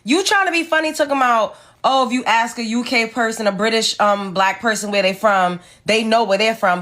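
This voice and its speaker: A woman from the United States, her voice high and fairly bright, rants to her viewers with sass and emphasis. A commentator reacting to clips, she lectures as she reads and responds to them.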